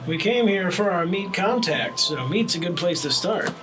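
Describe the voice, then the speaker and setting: A male player improvises casually during a tabletop game. His voice is notably high for a man. The room around him is clearly noisy. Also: expressive, moderate pace. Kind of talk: casual improvised role-play.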